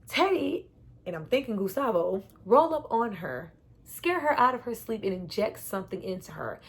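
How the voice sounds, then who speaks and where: Husky-voiced woman doing a chatty show recap, laughs a lot, cusses freely, middle pitch. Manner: animated and chatty, with frequent laughter and cursing. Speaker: TV show reviewer. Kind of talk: casual episode recap.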